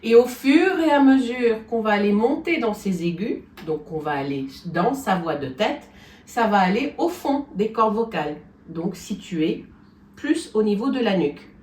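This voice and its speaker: A woman's voice: mid-range voice, animated, unhurried, darkish tone. A woman vocal coach gives a singing lesson, explaining things step by step and often checking in with her students. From France. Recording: echoey room, from a distance.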